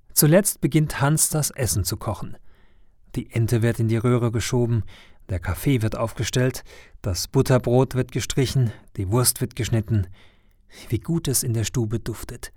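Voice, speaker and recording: A man narrating a children's Christmas story in a gentle storytelling manner. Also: medium pitch, no echo, clean studio sound. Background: faint music.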